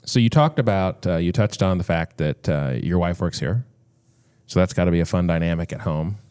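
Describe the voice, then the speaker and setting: A man hosting a podcast, asking questions in a relaxed, conversational way. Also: deep voice, fairly quick, smooth. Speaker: podcast host. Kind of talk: casual interview chat.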